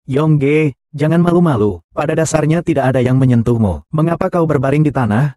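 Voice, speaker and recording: A man delivering every part of a dubbed drama in one flat, even voice that barely shifts from role to role. The tone is mellow and warm, and the close studio take is dry, with no room around it. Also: a little high, brisk, no room sound, close to an everyday voice. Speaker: dub voice for all roles. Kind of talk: dubbed short drama dialogue.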